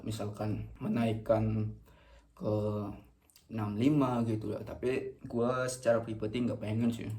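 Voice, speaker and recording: A man in his late teens with an Indonesian accent chats casually to camera while eating, rambling and halting, sometimes with his mouth full. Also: lowish voice, warm tone. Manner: rambling, halting, slangy, self-correcting; talking between bites, sometimes with mouth full. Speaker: vlogger.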